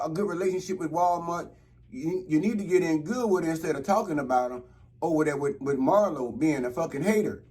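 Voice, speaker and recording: A man hosting a casual review show, talking in a blunt, exasperated, rambling way and swearing freely. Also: on the high side. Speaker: host of a reality TV review show. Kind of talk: casual profane recap and commentary.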